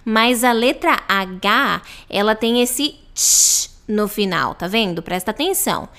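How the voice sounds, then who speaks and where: A Brazilian woman with a Brazilian Portuguese accent leads a podcast pronunciation lesson at a very slow, deliberate pace. She repeats each model letter patiently, and her voice comes through smooth and clear. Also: mid-range voice, expressive, pushed and bright. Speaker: English teacher.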